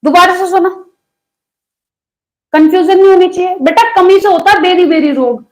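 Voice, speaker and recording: A woman's voice: extremely high pitch, normal speed, a little mellow. A young woman teaching an online exam-prep lesson in a chatty way, teasing her students with jokes.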